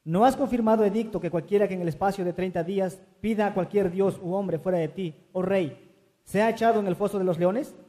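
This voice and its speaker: Man, scripture reader, high voice, dark mellow tone, steady measured reading. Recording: long reverb.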